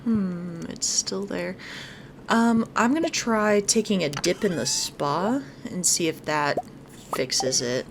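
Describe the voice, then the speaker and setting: A fairly low-pitched woman with vocal fry talks at a slow pace while background noise lingers. Playing through a game, she keeps up casual, chatty commentary, thinking aloud and reading dialogue aloud, with music underneath.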